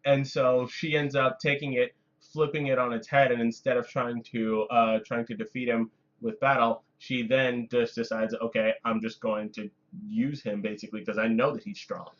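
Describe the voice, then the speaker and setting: A man co-hosting a casual podcast, calmly retelling episodes with wry asides. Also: mid-range voice, moderate pace. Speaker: podcast co-host. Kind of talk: casual recap chat. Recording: dull lo-fi sound.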